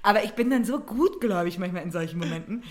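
A woman's voice: mid-range voice, lively intonation, quick pace, a little mellow. Brief: young woman, podcast co-host, chatty storyteller, rambling with filler sounds, casual. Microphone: wearing headphones.

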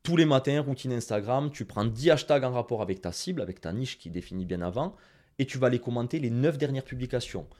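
A man's voice: medium pitch, fast. A man from Toulouse with a southern French accent and a mid-range voice talks in a casual interview. He gives advice directly and with energy, often turning to the listener. He never sounds scripted. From Toulouse, France. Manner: direct, lively advice-giving, speaks straight to listeners. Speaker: guest, Instagram marketing expert.

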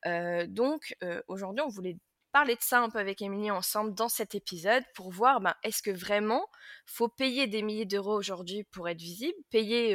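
A woman's voice: medium pitch, dry recording, clean studio sound. A woman hosting a casual podcast interview, talking with many fillers and restarts. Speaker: podcast host, marketing manager.

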